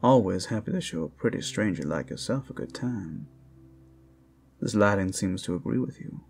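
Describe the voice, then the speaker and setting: A man with a fairly low, lively voice performs an exaggerated werewolf character in an ASMR roleplay, speaking at normal speed with a slightly mellow tone. The werewolf is playful, flirty and friendly, teasing one listener with smooth talk.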